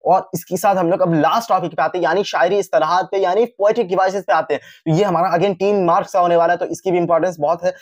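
A man's voice: high voice, fairly even intonation, quick pace, hardly any pauses, no room sound, studio quality. A man giving a casual exam-revision lesson, repeating each point and talking straight to his students. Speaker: teacher.

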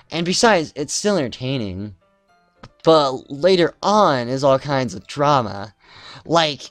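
A man's voice: mid-range voice, no echo. Man, gameplay commentary, casual, joking, stumbling restarts, dry sound, faint game music. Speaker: gamer playing a visual novel.

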